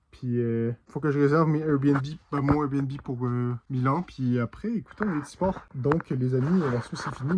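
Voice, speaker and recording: A man's voice: medium pitch, background noise. A young man with a Québécois French accent chatting casually in a travel vlog, rambling and full of slang fillers. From Quebec, Canada. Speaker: travel vlogger.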